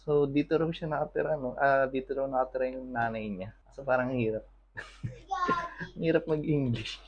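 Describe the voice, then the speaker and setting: A man's voice: mid-range voice, fairly even intonation, normal speed, muffled recording. A man from the Philippines who runs a computer shop, chatting casually in a vlog, easygoing and laughing often, a little out of breath. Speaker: computer shop owner and vlogger.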